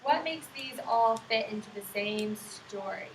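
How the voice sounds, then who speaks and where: In an indoor classroom, a young woman training as a teacher shares a picture book with little kids, pausing to ask easy questions and praise their answers. Her voice is fairly high and her pace measured, captured by a far-off mic in an echoey room with noticeable background noise.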